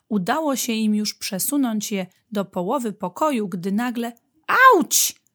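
A woman narrating a children's storybook with a clear, gentle read-aloud delivery. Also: medium pitch.

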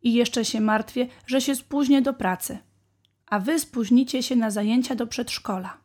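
A woman voicing a hurried, worried rabbit mother in a storybook. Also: a little high, darkish tone, voice pushed up, natural voice. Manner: hurried and bustling.

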